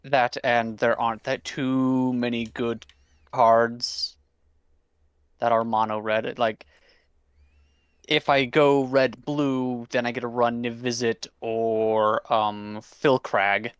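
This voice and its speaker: A man chatting casually with a friend on a stream, rambling and animated, swearing now and then. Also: mid-range voice, takes it slowly, clear, resonant tone, no room sound, clean studio sound. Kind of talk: casual chat.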